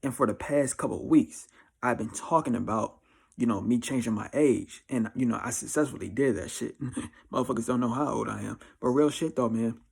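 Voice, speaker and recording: Fairly quick and mid-range, this man's voice carries vocal fry and a slightly rough texture. He's a twenty-four-year-old American vlogger offering life advice in a casual, confessional talk to camera. His style is slangy, blunt and emphatic, repeating phrases often.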